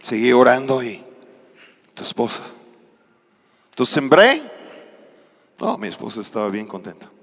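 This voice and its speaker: A male pastor preaching a charismatic sermon, surging loud and dropping quiet. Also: medium pitch, sing-song, normal speed, creaky. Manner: preaches with sudden loud surges and quiet drops. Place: church hall. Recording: long hall reverb.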